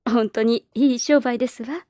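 A woman's voice: a little high, fairly even intonation, moderate pace, dark tone, no echo, studio quality, natural voice. A woman doing a chatty motherly street singer. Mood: effusive. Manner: effusive, motherly.

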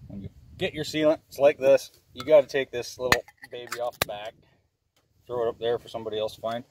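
A man with a mid-range, fairly monotone voice talks fast as he hosts a do-it-yourself repair vlog. He chats with viewers in a casual, folksy way, cracking wry jokes and muttering asides to himself, while loud clattering and clicking work noise fills the recording.

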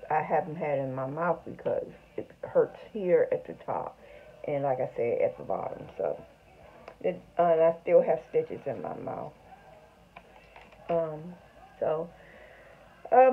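A middle-aged woman talks toothlessly in a casual, halting video diary. Her voice sits on the low side and moves very slowly. The sound is tinny and phone-like, captured in a room at home. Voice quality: toothless speech, front teeth missing. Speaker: vlogger. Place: small home room, indoors.

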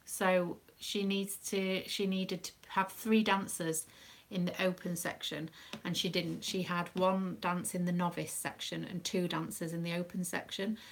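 A woman's voice: on the low side, little pitch movement, unhurried, vocal fry, hardly any pauses, slight background noise. A British woman, a proud mother, chatting casually on a live stream with a rambling, um-filled manner. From United Kingdom. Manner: chatty, rambling, with many ums. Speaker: craft live-streamer and dance mum.

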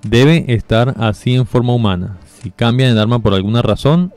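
A man giving casual step-by-step commentary over a game walkthrough, relaxed and explaining with fillers. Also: mid-range voice, normal speed, no echo, soft background music. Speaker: gameplay guide narrator.

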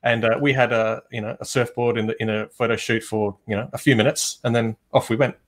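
A man, a photographer, chatting casually on a livestream over a video call and telling shoot stories in a relaxed way with many fillers. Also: medium pitch, brisk. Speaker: photographer guest.

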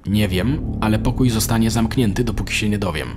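A man's voice: lowish voice, a little fast, background noise, natural voice. A man voicing an anxious, irritable middle-aged father in a storybook reading. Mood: grim. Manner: irritable, commanding. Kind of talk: storybook narration.

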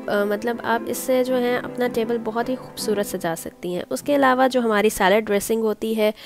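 Chatty and explaining step by step, a woman who hosts a home cooking channel shows how to set a table at home, slipping English words into her speech. Her voice is medium in pitch and a little mellow.

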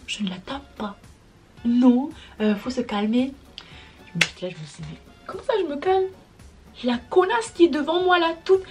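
A young woman vlogging a storytime, exasperated and slangy, swearing as she vents. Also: medium pitch. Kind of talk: casual storytime monologue.

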